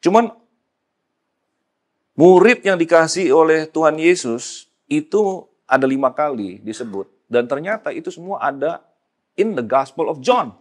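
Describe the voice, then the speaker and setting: A man preaching a sermon, switching between casual slang and English and rising to loud emphatic peaks. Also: fairly high pitch, animated, a little slow.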